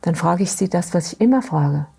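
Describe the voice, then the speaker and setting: Woman, middle-aged, husky, breathy edge, anecdotal, conversational guest. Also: fairly low pitch, animated, a little fast, warm tone. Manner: explains with anecdotes, asks listener questions. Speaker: guest, therapy practitioner. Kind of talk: conversational storytelling in an interview.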